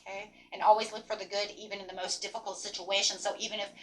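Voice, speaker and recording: A woman's voice: medium pitch, level tone, racing, a little hiss or hum. A woman speaking as a fortune teller, giving a spontaneous, rambling and encouraging tarot reading, often checking in with "right?" and "you know". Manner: encouraging, affirming. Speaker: tarot card reader hosting a reading.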